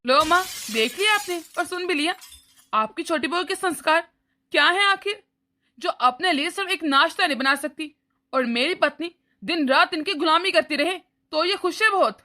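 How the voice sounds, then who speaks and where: A woman voicing an irritable elder brother in an animated cartoon, speaking in an annoyed, lecturing way. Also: extremely high pitch, moderate pace, exaggerated voice. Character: irritable elder brother, adult man, short-tempered.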